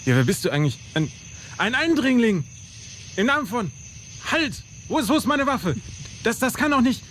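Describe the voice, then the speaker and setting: An actor playing a flustered, devout soldier in an audio drama, stammering and breathless with fright. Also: male voice, sits high, expressive, normal speed, a little hiss or hum. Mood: flustered panic. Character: flustered, devout young-sounding soldier, bumbling and easily frightened.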